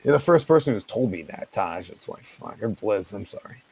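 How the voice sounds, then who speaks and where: A man in his twenties from the US East Coast, intoxicated, chatting casually and candidly in a low, gravelly, older-sounding voice, dry and calm, with plenty of swearing. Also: moderate pace. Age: 20s. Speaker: guest caller on a livestream chat.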